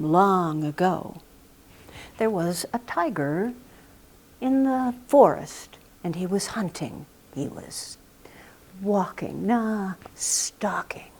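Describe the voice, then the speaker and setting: Slow dramatic lady storyteller, lots of hushed whispery bits, live in a studio. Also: medium pitch. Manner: dramatic, drops often to a whisper. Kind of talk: live folk-tale storytelling.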